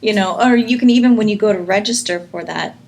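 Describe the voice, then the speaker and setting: A woman's voice: medium pitch, fast, gravelly, darkish tone. A woman in her forties co-hosting a podcast, chiming in with practical advice in casual chat. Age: 40s. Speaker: podcast co-host.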